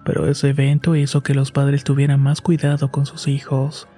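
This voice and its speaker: A man narrating a scripted horror story in a steady, unhurried way. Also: medium pitch, soft background music.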